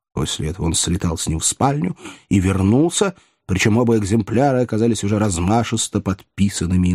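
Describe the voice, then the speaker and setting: Lively male audiobook narrator. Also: on the low side, no room sound, studio quality. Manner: expressive, lively storytelling. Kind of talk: audiobook reading.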